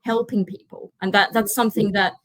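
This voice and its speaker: A young Finnish woman appears as a podcast guest in a casual interview chat, speaking fairly quickly in a medium-pitched voice with fairly even intonation and no echo. She's earnest, often restarting her sentences and saying "you know."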